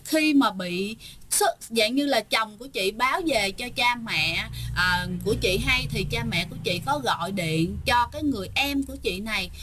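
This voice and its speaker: A woman's voice: mid-range voice, bright, forceful tone. A woman casually telling a ghost story to listeners, chatty and full of fillers. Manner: chatty, addresses listeners often, many fillers.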